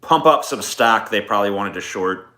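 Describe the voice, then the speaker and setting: With a lowish, bright and forceful voice, a man hosts a stream at a moderate pace with lively intonation, chatting off the cuff in a rambling, profane manner. The sound is echoey, with music in the background.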